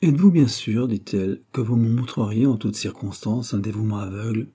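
A man reading aloud, voicing a proud, vengeful young woman with a scornful, sharp delivery. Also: lowish voice, a little fast, slightly rough.

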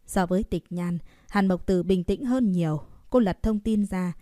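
A woman's voice: mid-range voice, normal speed, dark tone, no echo. Woman narrating a story, dry sound.

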